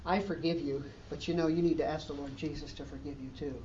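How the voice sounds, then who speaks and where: A man voicing a calm, firm woman teacher in a sermon story, recorded from a distance in a roomy hall. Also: fairly high pitch, fast talker, highs cut off, slight background noise, voice pushed down, natural voice. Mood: gentle.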